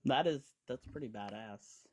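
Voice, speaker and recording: In a mid-range voice at normal speed, a forties-aged podcast host from Indiana chats casually on a live stream. He meanders through his points, leaning on fillers and teasing asides.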